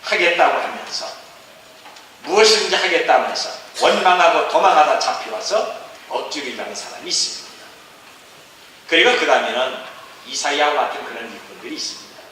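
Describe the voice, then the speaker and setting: High, bright-voiced male preacher in an echoey church. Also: animated, a little fast, a little hiss or hum. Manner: earnest storytelling, swinging between hushed and emphatic. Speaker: pastor. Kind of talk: sermon. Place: church sanctuary. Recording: echoey church hall from a distance.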